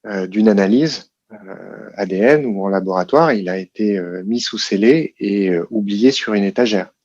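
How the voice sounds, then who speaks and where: A man hosting a podcast interview, speaking in a measured way with fillers as he sums up the case. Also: lowish voice, a little mellow, lo-fi sound. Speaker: podcast host. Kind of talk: interview questions.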